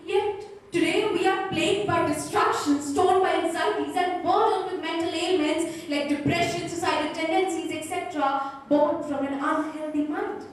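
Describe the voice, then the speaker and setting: A woman's voice: extremely high pitch, steady tone. Precise young female declaimer in echoing hall. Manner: precise, deliberate declaiming with emphatic pauses. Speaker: school declamation contestant. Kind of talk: rehearsed competitive speech. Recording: echoey hall, distant mic, faint noise.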